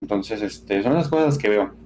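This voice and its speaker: A man's voice: lowish voice, expressive, moderate pace, dark tone. Guy breaking down game controls on a podcast, cuts off his words and restarts, bit of hiss behind him. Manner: explanatory, restarts words mid-sentence. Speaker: podcast co-host reviewing games. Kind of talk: casual podcast review.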